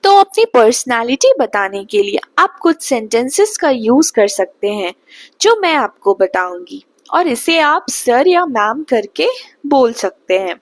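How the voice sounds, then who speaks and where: A young woman from Bihar teaching spoken English slowly and patiently, often checking whether the listener has understood. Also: fairly high pitch, sing-song, no room sound. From Bihar, India. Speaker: English tutor.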